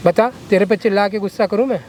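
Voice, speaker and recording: A man's voice: high-pitched, steady tone, fast, a little mellow, slight background noise, close to an everyday voice. A man playing a corrupt, coercive lawyer who talks down to a girl in a coaxing, threatening way. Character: corrupt scheming male lawyer, menacing and coercive. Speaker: villain in a short film.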